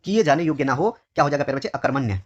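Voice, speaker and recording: A Hindi exam teacher from India going through test questions. He repeats each phrase slowly, calls his pupils dear children, and drops his voice on each answer word. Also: medium pitch, expressive, highs cut off. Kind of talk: exam question walkthrough lesson.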